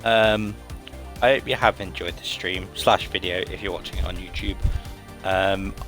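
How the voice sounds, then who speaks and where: A man's voice: low-pitched, steady tone, normal speed, a bit bright, poor audio. Tired man streaming a racing game. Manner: rambling, many fillers and restarts. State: tired, yawning. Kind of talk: casual stream commentary. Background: game music and car engine sounds.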